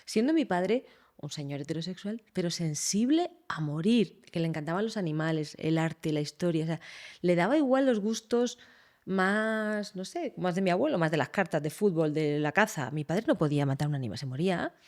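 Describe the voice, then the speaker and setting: A woman's voice: fairly low pitch, fairly quick. A woman, a psychologist hosting a podcast, telling stories expressively in casual conversation. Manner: expressive, animated storytelling.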